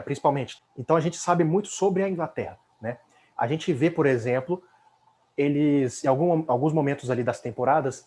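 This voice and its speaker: A Brazilian man with a Brazilian Portuguese accent talks through an English lesson in a relaxed, chatty way. His voice sits at an ordinary middle pitch, and he keeps checking in with the listener through short questioning tags. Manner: chatty, fills with "né?" tag questions. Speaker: English teacher. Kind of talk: casual explanatory lesson.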